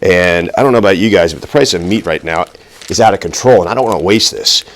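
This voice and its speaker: A middle-aged man with a very deep, low voice talks his way through a cooking vlog. He rambles nervously, makes fun of himself and fills gaps with ums and uhs. Now and then he sounds a little out of breath from the work. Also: fast talker. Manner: nervous, self-deprecating, rambling with fillers. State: out of breath at times. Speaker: cooking video host. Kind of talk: casual cooking vlog, talking while working.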